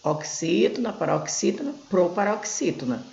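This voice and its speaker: Woman, exam tutor, gravelly, repeats syllables patiently, roomy echo. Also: fairly low pitch, very animated, moderate pace, darkish tone. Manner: repetitive, spells out syllables, addresses students as gente. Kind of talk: explaining exam questions. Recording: echoey room, dull lo-fi sound.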